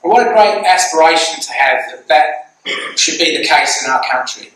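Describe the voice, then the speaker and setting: A man's voice: on the high side, expressive, normal speed, a bit bright. An Australian man giving an earnest, conversational guest talk at a church, telling stories. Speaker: guest speaker. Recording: echoey church hall, far from mic.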